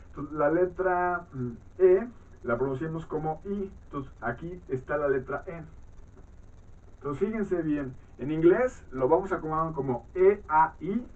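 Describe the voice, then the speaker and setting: A man teaching English vowel sounds in a halting classroom manner, often clearing his throat and checking in with his students. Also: a little high. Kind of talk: classroom-style lesson explaining vowel sounds. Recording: tinny phone-like sound from far off the mic.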